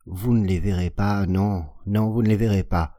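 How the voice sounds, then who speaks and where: A man reading an audiobook and voicing a robust, hateful peasant woman of about forty who whines in a strained high falsetto and flares into furious shouting. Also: unhurried, breathy edge, no room sound, clean studio sound. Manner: whining, hypocritical, turning to furious shouting.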